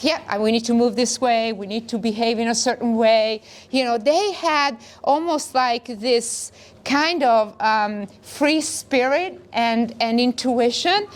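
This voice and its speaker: A middle-aged woman from northern Italy, talking earnestly in long flowing phrases as a wellness co-host. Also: fairly high pitch. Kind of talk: casual conversation.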